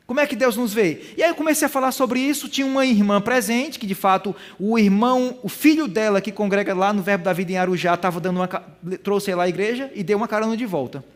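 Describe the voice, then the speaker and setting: A man's voice: high-pitched, fast, hardly any pauses. A man teaching a Bible lesson in sermon style, asking the audience questions and acting out quoted voices, with a Brazilian Portuguese accent.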